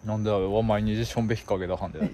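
A man's voice: fairly low pitch, steady tone, rapid-fire, warm tone. A man chatting casually and playfully in a thick Tsugaru dialect from Aomori. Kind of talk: casual chat. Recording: noisy location recording, clear background noise.

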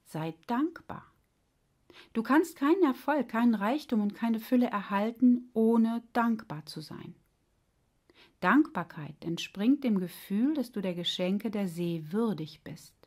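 A woman voicing a wise, patient heart that explains things gently and sometimes grumbles. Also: on the high side, expressive, measured pace.

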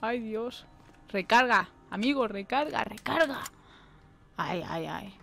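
A woman's voice: a little high, animated, takes it slowly, gravelly, a bit bright. A young woman with a Spanish accent from Spain commentating live on a horror game she plays, swearing often and talking to the characters on screen. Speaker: gaming streamer.

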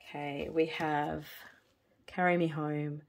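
Low, flat-voiced woman reading tarot. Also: creaky. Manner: slow, soothing, repetitive phrasing. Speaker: tarot reader. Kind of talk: spiritual tarot reading monologue.

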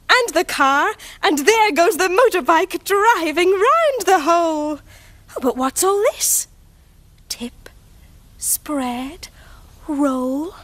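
A woman playing a friendly grown-up who reads a picture book aloud to children in a sing-song, expressive way. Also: high-pitched. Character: friendly grown-up carer named Judy. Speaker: storyteller to children. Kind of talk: children's TV acting, reading aloud.

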